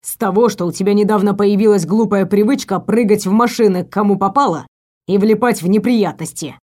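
A woman voicing an angry, menacing young stepbrother who talks low and mocking. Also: fairly quick, darkish tone, natural voice.

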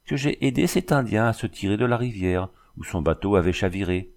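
A man reading a calm, patient young engineer. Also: lowish voice, fairly quick, gravelly. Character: calm, kindly young male French engineer. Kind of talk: audiobook character reading.

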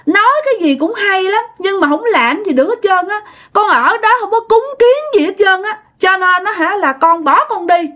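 A woman's voice: extremely high pitch, lively intonation, normal speed, a bit bright, voice pushed up. A woman voicing a sulky, sobbing toddler spirit speaking through a medium, whiny and childlike.

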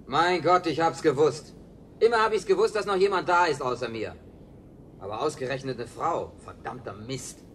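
A man's voice: on the high side, normal speed, a bit bright, slight background noise, close to an everyday voice. An actor in a radio play voicing a naive, bumbling male survivor who rambles, apologises and grumbles. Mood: stunned, dismayed.

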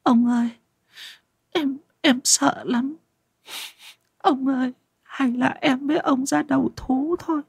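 A man voicing a terrified old village wife who stammers and pleads in a shrill, high voice. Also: measured pace, a little mellow, breathy edge, dry recording, studio quality, full character voice. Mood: fearful pleading. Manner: panicked, pleading.

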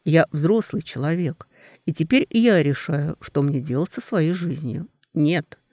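A man voicing a calm, stubborn young man who quietly stands up to his mother in an audiobook. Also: on the high side, moderate pace, gravelly, dry recording, studio quality. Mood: firm. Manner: quiet, calm, softly firm. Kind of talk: audiobook character voice.

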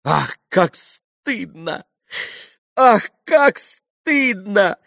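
A man's voice: very animated, extremely slow, gravelly, a bit bright, no room sound, clean studio sound, exaggerated voice. A man voicing a hysterical young woman, bitter and mocking, who cries out shrilly. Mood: shocked. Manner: shrill, crying out.

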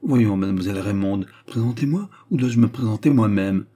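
A man doing a hearty, boisterous young hunter built like a giant, who greets everyone with loud good cheer. The voice sits low, dark and husky, as a storybook reader puts him on. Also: fairly quick, natural voice. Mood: jovial.

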